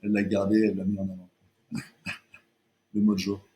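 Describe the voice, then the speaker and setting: A man's voice: sits low, completely flat delivery, brisk, mellow. A man, co-founder of a chocolate brand, talking casually as a guest in an interview, hesitant and full of restarts. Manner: hesitant, many restarts and fillers.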